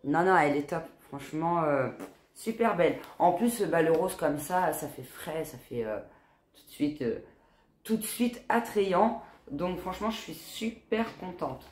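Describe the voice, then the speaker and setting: A woman's voice: on the low side, lively intonation, measured pace. A woman in her forties chatting casually as a beauty vlogger, with a nasal, stuffed-up smoker's voice that sounds tired. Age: 40s. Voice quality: nasal, congested; smoker's voice, not soft. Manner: chatty, informal, tags sentences with quoi and hein. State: blocked nose, tired. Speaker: beauty box unboxing vlogger. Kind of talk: casual chat to camera. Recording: echoey, roomy sound.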